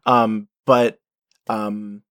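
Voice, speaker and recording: A man's voice: on the low side, level tone, fairly bright tone, clean tone, no room sound, clean studio sound. A man co-hosting a podcast, talking casually with lots of restarts, stammered fillers and small laughs. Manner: halting, many restarts and "uh"s, laughs a lot. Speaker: podcast co-host. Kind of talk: casual chat.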